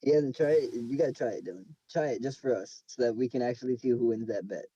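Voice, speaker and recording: Man, very mellow dark voice, teasing, rambling, casual call. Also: medium pitch, fast, slightly rough, no room sound, lo-fi sound. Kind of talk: casual chat over a voice call. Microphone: voice call microphone.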